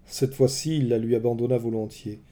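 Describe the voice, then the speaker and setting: Dark-voiced male storybook narrator. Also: medium pitch, steady tone, a little fast. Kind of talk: storybook narration read aloud.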